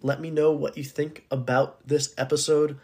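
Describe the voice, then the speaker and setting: A man with a raspy, hoarse voice talking casually and earnestly as the solo host of a podcast. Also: fairly high pitch, flat delivery, normal speed, darkish tone. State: hoarse, needing to clear his throat.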